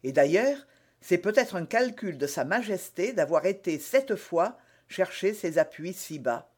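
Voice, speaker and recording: A man voicing a bold, quick-witted young male musketeer in an audiobook reading, giving brisk orders. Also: sits high, expressive. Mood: persuasive.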